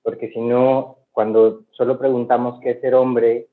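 A man's voice: mid-range voice, little pitch movement, measured pace. Northern Mexican man on a tinny call. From Monterrey, Mexico. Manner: friendly, thoughtful, colloquial. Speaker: guest activist. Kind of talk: interview answers.

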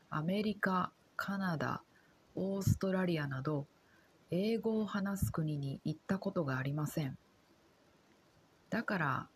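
A woman from Japan, a Japanese teacher, giving a slow scripted lesson in careful, simple sentences for learners. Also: lowish voice, slight background noise.

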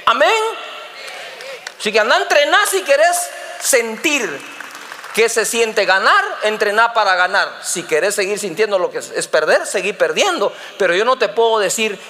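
A male pastor preaching a sermon, lively and teasing, acting out little dialogues. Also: extremely high pitch.

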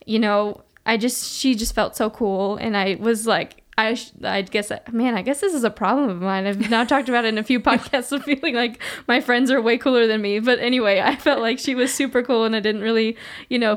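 Woman, young adult, podcast host, fairly high voice, chatty, fillers. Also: steady tone, fairly quick, few pauses. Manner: chatty storyteller, many "like" and "you know" fillers. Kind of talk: casual chat.

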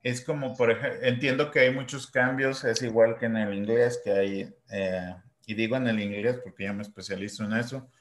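A man hosts an interview and shares reflective anecdotes about learning languages. His voice is at a middle pitch and carries the echo of a roomy space. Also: steady tone, normal speed, hardly any pauses. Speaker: interview host, English teacher. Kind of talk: interview conversation.

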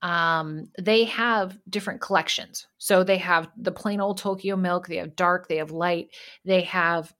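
A woman's voice: lowish voice, steady tone, a little slow, a bit bright. Playful blunt woman on a podcast, going down her list of faves. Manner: frank, playful, listing favorite products. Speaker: podcast guest. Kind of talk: casual chat.

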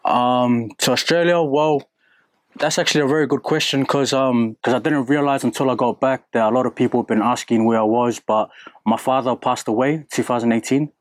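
A young man from New Zealand with a New Zealand accent, talking candidly and haltingly in an interview, with many fillers and restarts. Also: mid-range voice, fairly even intonation, no echo. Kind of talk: casual interview.

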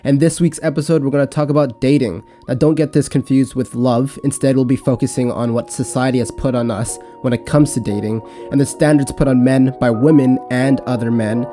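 Young man, podcast host, mellow voice, rambling casual talk, faint music underneath. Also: medium pitch, a little fast, hardly any pauses. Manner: relaxed, rambling, with restarts.

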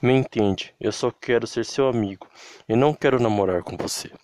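Diogo, a man voicing a gentle young guy. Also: medium pitch, moderate pace, no room sound, natural voice. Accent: Brazilian.

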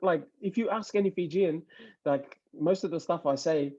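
A man's voice: on the high side, moderate pace, a little mellow, highs cut off. A young man from Fiji, a podcast guest, chatting casually in a laid-back, rambling way with lots of fillers. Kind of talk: casual chat.

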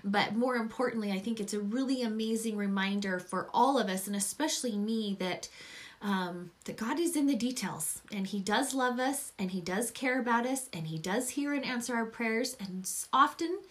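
Effusive woman host, slightly high voice. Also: normal speed. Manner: effusive, encouraging, rambling. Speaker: podcast host and program coach. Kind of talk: conversational faith-based interview.

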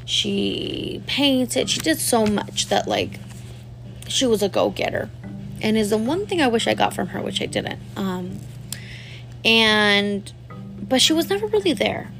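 A woman's voice: mid-range voice, very animated, unhurried, vocal fry, over music. A woman in her thirties telling a personal story to camera, candid and rambling, full of "like" fillers and talking straight to her viewers. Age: 30s. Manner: addresses viewers directly. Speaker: vlogger.

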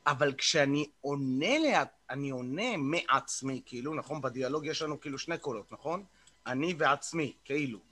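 Male group host on a video call: bright, tense tone, loose coaching talk, frequent "uh" and restarts. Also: medium pitch, animated. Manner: informal, repeats words and fills pauses with "uh". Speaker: host of a morning group session. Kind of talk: casual coaching talk and guided meditation. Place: online video meeting.

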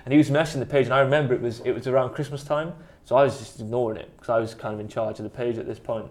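A man with a Welsh Valleys accent from the South Wales Valleys talks very fast in a mid-range, steady, slightly mellow voice. He's a musician and producer in a band, a guest in a casual interview, telling his story in a rambling, self-deprecating anecdote.

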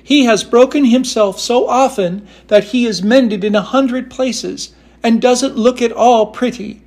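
Man playing a china princess, young, timid, prim, fragile, high voice. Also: a little mellow, heavily acted. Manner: frightened, pleading, slow and delicate.

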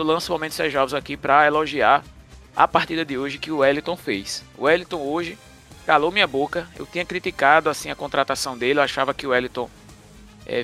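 Bright, fairly high-voiced man. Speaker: football podcast co-host. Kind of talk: casual sports discussion.

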